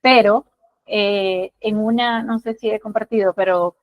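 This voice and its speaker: A woman's voice: medium pitch, steady tone, measured pace. A woman from Maracaibo with a Venezuelan accent, sharing a personal testimony in class in an earnest, hesitant way with many restarts. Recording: dull, muffled audio.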